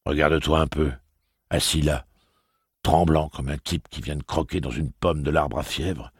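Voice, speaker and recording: A man's voice: a bass voice, steady tone, normal speed, slightly rough, no room sound, studio quality. A man playing a hardened, stern gunslinger who speaks harshly and solemnly.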